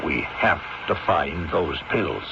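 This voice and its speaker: In a 1970s radio drama, a male actor with a very deep voice, vocal fry and lively intonation plays a resolute family doctor with an American accent who calmly exposes a crime. His heavily acted delivery is grave, measured and authoritative, and he repeats himself; the recording is muffled and noisy.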